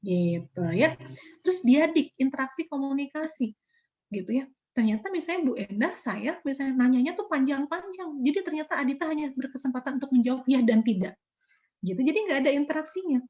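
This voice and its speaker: A woman teaches an online psychology class in a high, bright-toned voice. She explains casually and slips into short acted-out example exchanges, tagging points with "gitu ya". The sound is a little dull and lo-fi, like a computer mic on a video call. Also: animated, a little fast. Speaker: psychology lecturer. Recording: slightly dull lo-fi online lecture audio.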